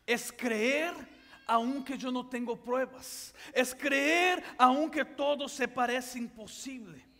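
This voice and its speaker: A man preaching a sermon, telling a story and building up to loud, shouted passages. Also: extremely high pitch, slow, in a large hall. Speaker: pastor.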